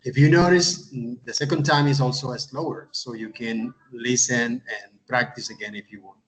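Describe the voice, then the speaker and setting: Halting male English teacher. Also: medium pitch, fairly even intonation, rough recording. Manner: halting, repeats words, frequent uh. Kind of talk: instructional tutorial.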